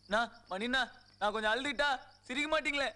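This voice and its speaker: An actor playing a drunk, grieving young gangster who rambles tearfully. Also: male voice, very high voice, quick pace, sharp tone, heavily acted. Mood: drunk weepy. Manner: slurred, tearful rambling, laughing and crying by turns.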